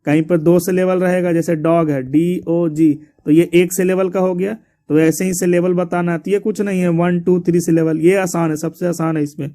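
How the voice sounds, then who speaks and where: A man's voice: high voice, flat delivery, normal speed, hardly any pauses, mellow. A man teaching an exam syllabus, repeating points and spelling words out letter by letter. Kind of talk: explaining a syllabus to students.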